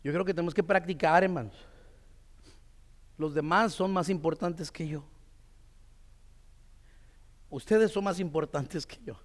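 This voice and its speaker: High-voiced man preaching in a reverberant church. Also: a little slow, long pauses. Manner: conversational preaching, frequent fillers and tag questions; tells a story with many "dice" quotes. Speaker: pastor. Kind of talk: sermon.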